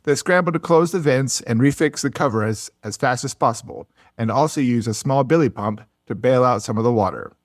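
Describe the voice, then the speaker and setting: A man's voice: medium pitch, fairly quick, hardly any pauses, dry recording, clean studio sound. A man co-hosting a casual podcast, narrating a history story and breaking into jokes and laughter. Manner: laughs often, jokey asides.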